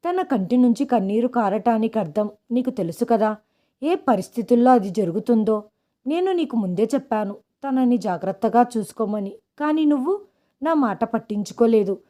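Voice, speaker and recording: Give me a cold, threatening man giving orders, read by a woman in a soft, mellow tone. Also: a little high, natural voice. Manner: stern, commanding.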